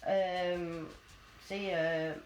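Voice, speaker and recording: Quebec mom talking in an interview, hesitant, echoey room w faint hiss. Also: female voice, fairly low pitch, little pitch movement, very slow. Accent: Quebec French. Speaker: interview guest. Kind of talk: casual interview.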